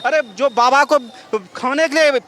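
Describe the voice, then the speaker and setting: Man, very high voice, mocking, emphatic, street interview. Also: steady tone, a little slow, sharp tone. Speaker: member of the public. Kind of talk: street vox pop.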